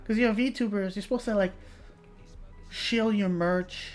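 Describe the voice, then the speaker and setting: A woman's voice: mid-range voice, steady tone, a little slow, darkish tone. A young woman VTuber chatting casually on a livestream, reading chat and swearing freely, with light music behind. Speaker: VTuber streamer.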